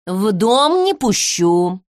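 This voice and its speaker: Woman doing a gruff old village widow. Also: medium pitch, wildly swooping pitch, unhurried, a bit bright, no room sound, studio quality, pitched above the performer's own voice, exaggerated voice. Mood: curt, mocking. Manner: blunt, mocking, curt. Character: gruff elderly village widow, sharp-tongued, wary.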